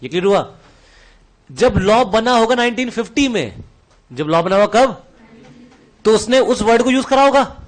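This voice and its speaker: In a classroom revision lecture, a teacher with a high voice and an Indian English accent fires off question after question to his students. He calls them "beta" and answers the questions himself.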